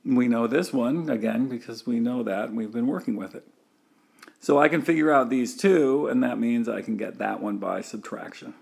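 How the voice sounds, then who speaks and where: A man's voice: medium pitch, moderate pace, gravelly, a little mellow, breathy edge. A man giving a recorded engineering lecture, walking through a diagram step by step with frequent fillers and restarts.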